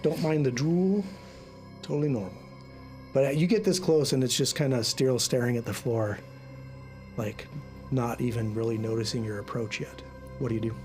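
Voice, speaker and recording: A man running a tabletop game as game master, narrating casually and haltingly. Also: mid-range voice, a little mellow. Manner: informal, halting. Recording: music playing behind the voice.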